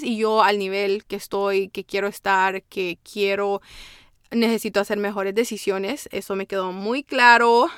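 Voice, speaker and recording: Woman, podcast host, casual code-switching monologue, smooth clear voice, dry close sound. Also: medium pitch, a bit bright, dry recording. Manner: chatty, switches between Spanish and English, many "¿verdad?" tags.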